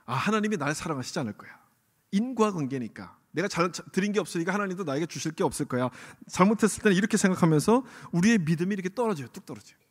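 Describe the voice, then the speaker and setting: A middle-aged male pastor preaching a sermon in a church, asking the congregation questions and acting out the inner voices he quotes. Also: high voice. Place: church sanctuary. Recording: long hall reverb from a church.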